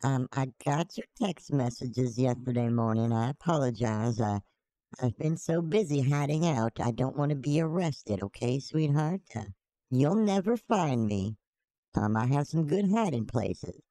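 A rambling old lady, put on by a man, leaves a voicemail, full of ums, endearments and blessings. Her voice is mellow and dark, in a dry, close sound with no room around it. She sounds fond and a little scattered. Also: mid-range voice, lively intonation, measured pace, no room sound, close to an everyday voice. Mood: sweet. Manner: doting, hesitant, calls listener sweetheart. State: leaving a voicemail. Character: sweet rambling old woman caller.

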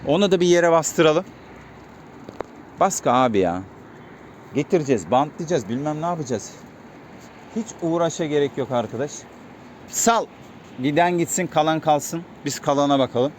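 A man keeping pigeons, talking casually to his viewers and calling to the birds with quick repeated commands. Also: a little high, animated. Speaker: pigeon keeper vlogger. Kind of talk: casual vlog talk to viewers. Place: outdoors on a rooftop pigeon loft. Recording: faint outdoor noise. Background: birds and city sounds.

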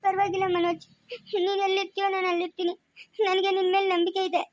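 A woman's voice: sits high, level tone, fast, dry recording, close to an everyday voice. [name], a woman playing a devoted lovesick student. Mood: pleading. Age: young adult. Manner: pleading, emotional. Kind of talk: amateur family skit acting.

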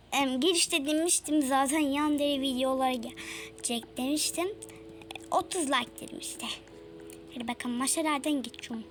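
A woman giving casual let's-play commentary, chatty and exclaiming as she talks to her viewers. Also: high-pitched. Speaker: gaming YouTuber.

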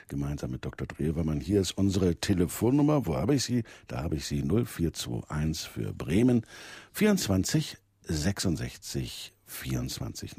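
A man's voice: rumbling low, vocal fry, dark tone, slightly rough, dry recording, studio quality. A man hosting a radio call-in show, conversational and a little hesitant. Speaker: radio host.

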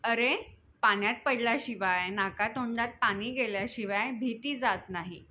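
A woman's voice: fairly high pitch, normal speed, sharp tone, a little hiss or hum. A woman voicing a patient young man who encourages a boy to swim. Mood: reassuring. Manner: patient, reassuring.

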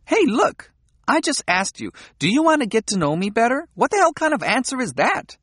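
A man's voice: fairly high pitch, normal speed, dry recording, studio quality, voice pushed up, heavily acted. A man reading an audiobook, voicing a frank, playful young woman who teases and provokes. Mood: teasing. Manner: teasing, provocative, animated.

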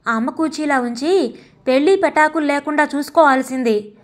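Scornful, sharp-tongued young daughter-in-law, read by a woman narrator; storybook voice, high. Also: moderate pace. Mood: furious.

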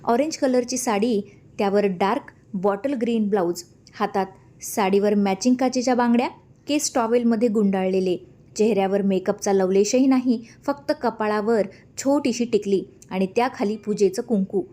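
A woman narrating a story in a calm, even reading voice. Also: mid-range voice, normal speed.

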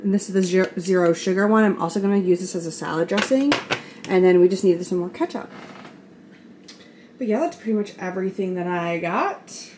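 In a low-leaning voice that runs a little fast, a twenty-something American woman chats to viewers in a casual home vlog filmed on a handheld camera. She's in her kitchen and living room, and background household noise is clearly audible.

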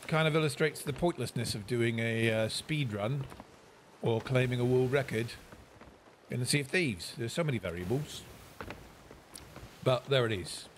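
A man's voice: medium pitch, slight background noise. A man giving casual commentary while he plays a game, musing aloud to himself. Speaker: game streamer.

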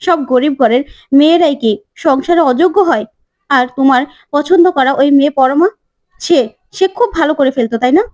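A woman doing a sharp-tongued aunt who talks back with pointed reproach. The voice is high and mellow, and the sound is dry. She is part of a spoken retelling of a serial. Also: moderate pace, no echo, close to an everyday voice. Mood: reproachful. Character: sharp-tongued aunt defending the poor daughter-in-law.

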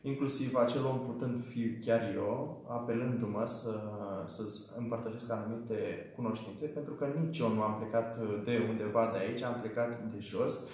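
A man's voice: medium pitch, steady tone, hardly any pauses, darkish tone. A man in his twenties from Romania, telling his story as a small business owner in an earnest, hesitant way with frequent fillers. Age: 20s. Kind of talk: testimonial for a training video. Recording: very echoey room.

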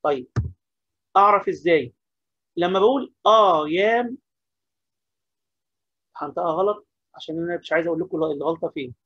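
Fast-talking Egyptian teacher, husky voice. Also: male voice, fairly high pitch, dry recording, highs cut off. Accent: Egyptian Arabic. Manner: repeats key points, asks and answers questions himself. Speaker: English teacher. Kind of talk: classroom-style lesson explaining grammar.

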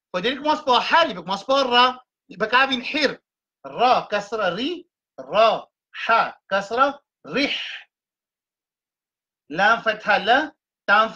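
Man, Quran reading teacher, very slow and deliberate, bright forceful tone, spells letters then blends syllables. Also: sits high, rough recording. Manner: spells out letters and vowel marks, then blends them slowly. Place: home, livestream.

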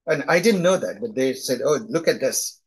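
During a live online lecture over a video call, a middle-aged instructor with a thick Indian accent teaches in a chatty, conversational way, often tacking on "right?". His mid-range voice is animated and breathy-edged, at normal speed.

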